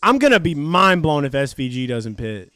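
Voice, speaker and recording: A man hosting a live race stream, giving excitable, profane, jokey commentary. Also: a little high, moderate pace, no room sound, studio quality.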